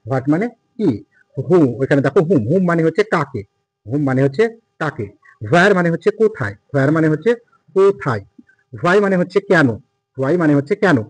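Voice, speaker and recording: A man's voice: on the high side, a little mellow, slightly rough, no room sound, rough recording. A man teaching an English lesson, patiently repeating words and counting aloud. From India. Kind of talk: classroom lesson explaining pronunciation.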